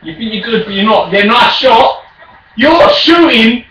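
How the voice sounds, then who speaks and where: A British man trash-talking as a raging gamer during an online football game, shouting and taunting his opponent. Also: extremely high pitch, lively intonation, unhurried. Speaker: video game player. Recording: echoey room, distant mic, faint noise.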